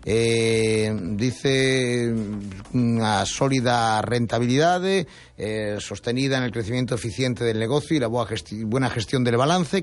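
In a radio studio, a male host with a mid-range voice chats and reads the news, stumbling into frequent fillers and restarts. The recording is dry.

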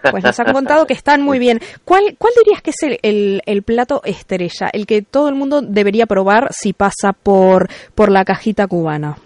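A woman's voice: mid-range voice, lively intonation, normal speed, few pauses, no room sound. A woman hosting a radio interview, asking friendly, leading questions. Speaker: radio host.

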